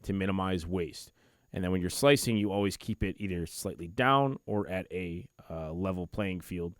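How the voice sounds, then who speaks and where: Blunt, low-voiced, exasperated male co-host. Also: moderate pace, no room sound, clean studio sound. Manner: blunt, exasperated, profane ranting. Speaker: podcast co-host. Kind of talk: casual chat. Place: home room with cats nearby.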